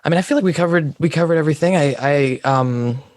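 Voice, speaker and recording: A man's voice: on the high side, fast, no room sound. A young man from California with an American accent, a podcast guest chatting casually over a video call, friendly, laughing easily and repeating his words.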